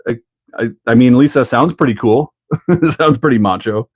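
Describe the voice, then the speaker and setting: A man's voice: medium pitch, normal speed, slightly rough, dry recording, clean studio sound. A Canadian man hosting a live stream, chatting casually while he builds and answering viewers, with frequent laughs. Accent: Canadian English.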